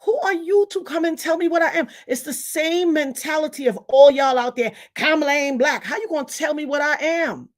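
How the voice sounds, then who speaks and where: Middle-aged woman, Trinidadian accent, high-pitched livestream host, emphatic and fed up. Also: a little fast, hardly any pauses. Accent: Trinidadian Caribbean. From Trinidad, raised in Brooklyn. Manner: indignant, emphatic, preachy. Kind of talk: livestream commentary rant.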